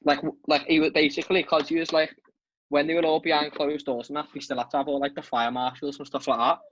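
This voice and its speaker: A man's voice: fairly high pitch, little pitch movement, quick pace, a bit bright, muffled recording, slight background noise. A man with a Liverpool accent telling sweary anecdotes in casual podcast chat. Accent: Liverpool (Scouse).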